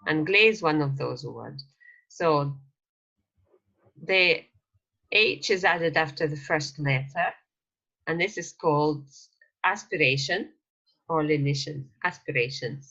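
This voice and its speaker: Slow, low-pitched woman teaching a language. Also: creaky, sharp tone. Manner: slow, repeats phrases for learners to copy. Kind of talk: beginner language lesson. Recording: dull lo-fi recording.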